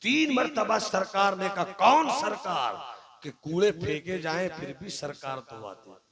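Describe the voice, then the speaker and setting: A man preaching a sermon to a live gathering, asking the audience questions and building repeated lines up to shouted peaks. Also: high-pitched, expressive, a little slow. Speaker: Islamic preacher. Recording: live crowd audible behind. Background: audience calling out responses.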